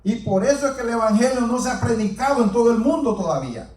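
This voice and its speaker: A man's voice: very high-pitched, lively intonation, quick pace, darkish tone. A man preaching a sermon, speaking earnestly and repeating himself as he addresses the congregation directly. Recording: roomy echo, mic far off.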